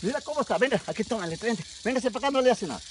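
Snake catcher, male, Mexican from Veracruz. Animated, repetitive commands and reassurance, noisy woodland recording. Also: very high-pitched, very fast. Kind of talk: live field talk while handling a snake. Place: outdoors in dense woodland. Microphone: handheld phone nearby. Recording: noisy outdoor phone video.

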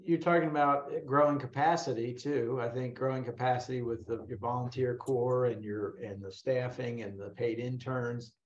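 A middle-aged man interviewing casually, haltingly rephrasing his questions as he goes, on a video call. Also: mid-range voice, fairly even intonation. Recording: dull, echoey video call audio.

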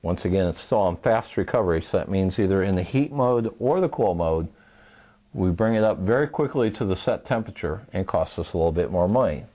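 A man calmly walking through a step-by-step how-to demonstration, patient and methodical, repeating key points. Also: low voice, fairly quick, highs cut off. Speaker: home repair instructor.

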